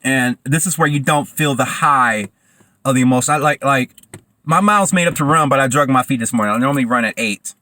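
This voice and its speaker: A man's voice: mid-range voice, a little fast, no room sound, studio quality. A man talking casually and encouragingly to his vlog audience while out running, in loose broken phrases. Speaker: vlogger. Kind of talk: casual motivational monologue to camera. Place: outdoors by a road. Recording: loud outdoor street and traffic noise.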